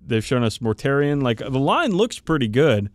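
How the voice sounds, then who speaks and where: With a medium-pitched voice that swings widely in pitch, this man talks at a moderate pace on a dry recording. He co-hosts a podcast and chats casually about tabletop wargaming, his hobby, in an emphatic, opinionated manner full of swearing.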